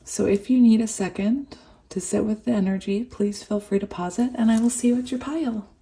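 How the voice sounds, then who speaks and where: Fairly high-pitched yet dark in tone, a woman speaks fairly quickly and steadily, her voice hoarse from a cold that has nearly taken it away. She chats casually through a tarot reading, laughing between thoughts and trailing off with fillers.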